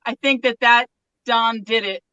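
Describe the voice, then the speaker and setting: A woman's voice: on the high side, steady tone, measured pace, sharp tone, no room sound. Older american lady on a muffled video call, matter-of-fact. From United States. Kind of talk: casual chat. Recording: dull, dry video-call audio.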